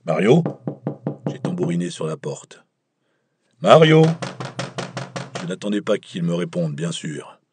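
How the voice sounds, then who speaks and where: A man narrating an audiobook in the first person, measured and wry. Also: low voice, background noise.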